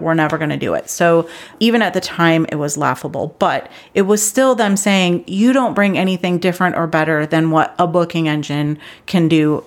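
A middle-aged woman hosting a solo podcast for travel agents, talking earnestly and with growing intensity before reining herself in. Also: lowish voice. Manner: earnest and animated, gets intense then reins herself in. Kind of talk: casual solo podcast talk.

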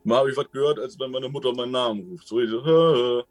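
A man in a casual interview, telling his own experiences in a rambling, colloquial way and often tagging sentences with a quick question. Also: mid-range voice, fairly even intonation. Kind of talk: casual storytelling.

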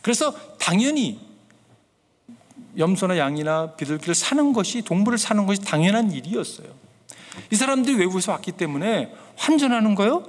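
A man's voice: high-pitched, big pitch swings, a little fast, long reverb tail. A man preaching as a pastor. He speaks earnestly and keeps turning to the congregation with questions. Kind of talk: sermon.

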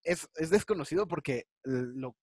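Reflective man with a higher voice. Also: lively intonation, normal speed, a little mellow, slightly rough, dry recording, studio quality. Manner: reflective, talks through examples. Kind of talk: casual conversation.

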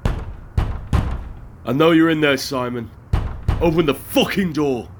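An actor playing a weary, conflicted debt-collecting enforcer, terse and reluctantly tough in a naturalistic drama. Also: male voice, takes it slowly. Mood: menacing. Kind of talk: naturalistic screen drama acting. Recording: noisy ambience with vehicle rumble.

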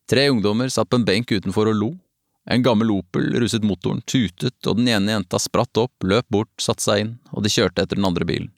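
A man narrating a novel in the first person, calm and even, as an audiobook. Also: on the low side, dry recording, clean studio sound.

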